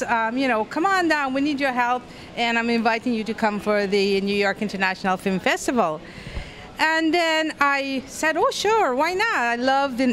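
A woman's voice: a little high, fairly bright tone, a little hiss or hum. A middle-aged woman from Guyana, giving a chatty, rambling red-carpet interview into a handheld mic at an indoor event. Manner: chatty and effusive, rambling with restarts. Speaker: interviewee, festival volunteer. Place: indoor event in front of a step-and-repeat banner.

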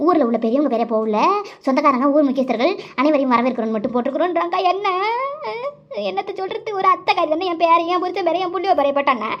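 Woman voicing a whiny hurt cartoon sister, high and soft, quick. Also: lightly acted. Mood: aggrieved. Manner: plaintive, whining complaints. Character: aggrieved younger sister complaining tearfully. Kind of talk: cartoon voice acting. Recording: dull lo-fi recording.

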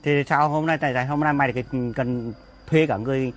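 A man's voice: mid-range voice, steady tone, fast. A man playing a husband, defensively urging his wife to go home and talk there. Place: outdoors by a street at night. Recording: faint outdoor noise with crickets.

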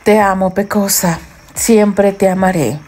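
A woman's voice: medium pitch, fairly even intonation, unhurried, darkish tone, faint music behind, close to an everyday voice. A woman voicing a playful, affectionate young husband who teases his wife in an audiobook romance. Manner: teasing, affectionate.

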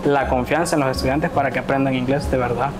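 A young man in his twenties from El Salvador eagerly describes his language school in a casual interview, using many fillers. His medium-pitched voice is steady and quick. He is indoors in a small classroom, with soft music playing in the background.

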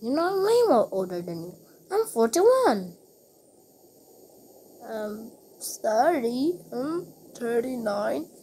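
Woman, game voice chat, rambling and repetitive, higher voice, slow delivery. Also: very animated, dark tone, slight background noise. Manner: rambling, repetitive, halting restarts.

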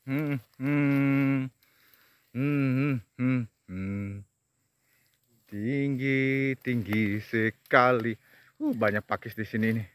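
A man records a casual walking vlog in an oil palm plantation, humming a great deal and repeating words in a slow, drawn-out manner. The recording is dry, and his medium-pitched voice sounds smooth.

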